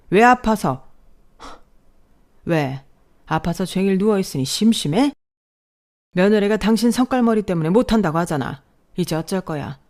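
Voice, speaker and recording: A woman voicing a blunt older father-in-law who scolds loudly in a radio drama. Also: deep voice, close to an everyday voice.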